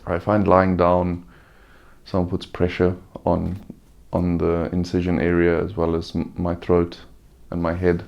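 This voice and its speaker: Subdued, gravelly man, weary after surgery. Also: deep voice, monotone, a little slow, a little mellow, highs cut off. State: recovering from surgery with a sore throat. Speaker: vlogger giving a recovery update. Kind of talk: casual personal update, unscripted.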